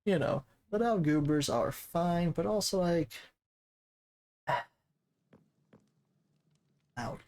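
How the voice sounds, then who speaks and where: A man streaming a game from his desk mic, casual commentary that rambles and corrects itself, and he talks fast. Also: on the high side, a little mellow. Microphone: desk microphone.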